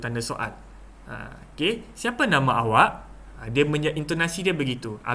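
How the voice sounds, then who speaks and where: Animated Malaysian teacher, bright voice. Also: male voice, a little high. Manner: repeats examples with exaggerated intonation, frequent fillers. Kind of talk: classroom lesson explanation.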